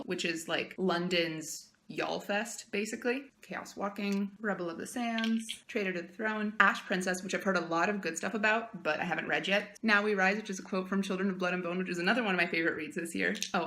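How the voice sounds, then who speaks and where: A young woman from the United States talks through a bookish unboxing in a loose, chatty vlog style. She gushes and gets emotional easily, and her speech is full of likes and you knows. Her voice sits at an ordinary mid pitch. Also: brisk, few pauses, bright, forceful tone. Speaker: book vlogger.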